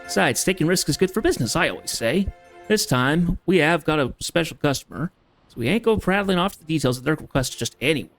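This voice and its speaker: A man's voice: fairly high pitch, expressive, fairly quick, fairly bright tone, faint music behind. A man voicing a sly, money-minded male smuggler with a folksy manner.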